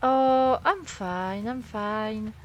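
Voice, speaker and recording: A young woman from France streams a game, talking very slowly in a slightly high voice with a French accent, over dull audio with a little hiss or hum. Her commentary is casual and self-mocking, full of chatter and muttering to herself, with game music playing behind.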